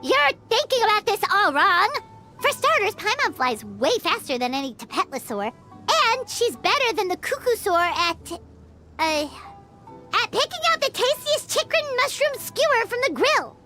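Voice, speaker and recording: A woman's voice: sing-song, normal speed, pushed and bright, heavily acted. A woman voicing a tiny floating girl companion who boasts and talks about herself in the third person, in video game dialogue. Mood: excited. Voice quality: high squeaky childlike voice. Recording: game audio with music behind.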